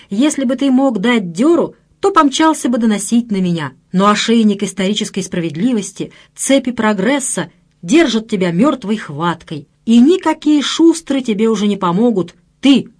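A woman voicing a brutish, ugly male extremist who rants in a sepulchral, pompous voice. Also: darkish tone. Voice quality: sepulchral booming voice. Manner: pompous bombastic ranting.

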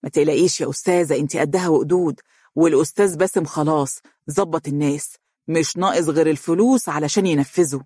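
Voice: medium pitch, quick pace, dark tone, no room sound, clean studio sound, close to an everyday voice. A narrator voicing an eager, encouraging young assistant in Egyptian Arabic.

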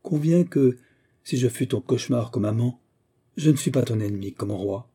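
A man reading aloud plays a young warrior king with an imperious, booming manner of command. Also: normal speed, dark tone, slightly rough, natural voice. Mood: hearty.

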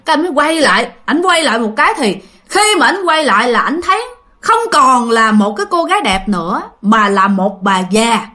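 A woman's voice: a little high, very animated, brisk, bright, forceful tone. A woman with a Southern Vietnamese accent casually telling a ghost story, chatting to listeners with fillers and repeats.

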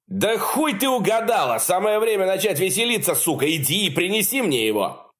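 Male reader playing a vicious, unhinged young man; high, shrill, taunting audiobook villain. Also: very animated, a little fast. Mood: mocking, raging. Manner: shrill mocking yells, profane taunts.

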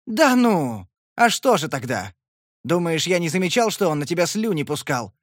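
A man voicing a jealous, volatile young man who shouts accusations. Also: a little high, very animated, moderate pace, no room sound, studio quality, pitched above the performer's own voice. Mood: furious.

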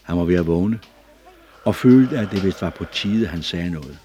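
A man narrating a storybook audiobook in a steady, measured way. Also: sits low. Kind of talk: scripted narration.

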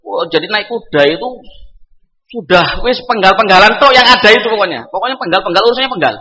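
A high, bright male preacher, telling a story in a lively, animated way. His pitch swings widely as he acts out the dialogue. His voice carries a long reverb, like a big hall. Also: quick pace. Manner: animated, acts out dialogue, mixes in Javanese phrases. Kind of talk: sermon storytelling.

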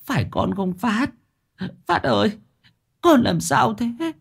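A man putting on a blind old mother's shrill wail. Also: slow. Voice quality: high, shrill, cracking. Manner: sobbing, calling out. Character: blind old mother wailing for her son.

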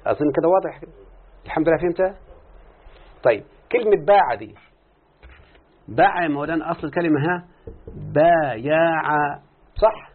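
Egyptian man teaching, tinny husky recording. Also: fairly high pitch, lively intonation, fast talker, long pauses. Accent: Egyptian Arabic. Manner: questioning students, drawing out answers. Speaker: teacher of Arabic morphology. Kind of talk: classroom lesson explaining grammar.

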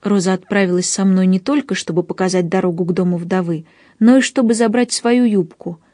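A woman narrating an audiobook in the first person, with an expressive storytelling delivery on a close mic. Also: mid-range voice, fairly quick, dry recording.

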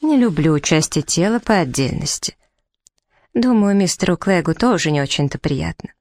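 A woman's voice: fairly low pitch, lively intonation, normal speed, a little mellow, no room sound. A woman reading the part of a playful, mischievous young woman who teases her sister with ironic remarks. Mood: teasing.

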